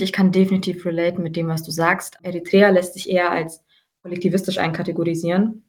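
A woman in her twenties co-hosting a podcast, talking in a relaxed, reflective way and explaining ideas at length. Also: on the low side. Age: 20s. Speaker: podcast co-host. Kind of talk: casual podcast conversation.

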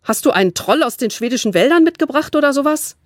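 A woman reading a children's book aloud and voicing a lively, quick-witted young girl who teases and jokes. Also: high-pitched, no room sound, studio quality, voice pushed up. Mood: playful. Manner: quick, bright, joking.

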